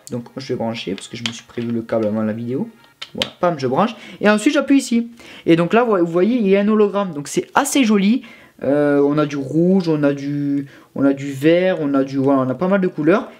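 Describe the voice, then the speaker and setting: A young tech reviewer chats casually about a product from his bedroom, informal and full of fillers and restarts. His voice is a little high and a little mellow.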